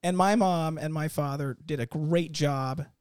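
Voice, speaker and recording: A man talking as an interview guest, animated and rambling, restarting his sentences. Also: on the high side, a little slow, smooth, no echo, clean studio sound. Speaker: company founder, guest. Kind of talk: casual interview chat.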